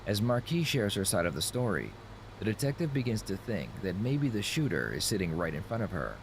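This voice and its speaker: Man, very deep voice, lively intonation, scripted documentary narration. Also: a little hiss or hum, low-quality recording. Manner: measured, explanatory.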